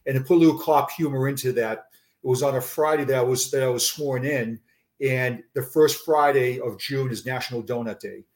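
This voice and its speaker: A man in his fifties with a Boston accent, giving a conversational personal account as an interview guest, often repeating words haltingly. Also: mid-range voice, a little mellow. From Massachusetts, United States. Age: 50s. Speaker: interview guest, retired police officer.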